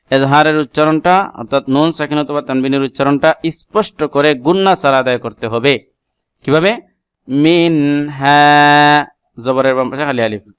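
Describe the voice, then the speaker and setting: A man's voice: a little high, fairly bright tone, clear, resonant tone, no echo, studio quality. Man spelling out Quran lessons. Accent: Bangladeshi. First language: Bengali. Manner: spells letters and vowel marks aloud, then explains the tajweed rule; chants the Arabic verse in a melodic recitation. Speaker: Quran reading teacher.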